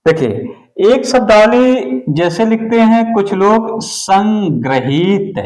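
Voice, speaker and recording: A man teaching an exam-prep spelling lesson, going slowly and repeating each word. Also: high-pitched, animated, a little mellow, echoey room, rough recording. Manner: slow, deliberate, repeats words for the student.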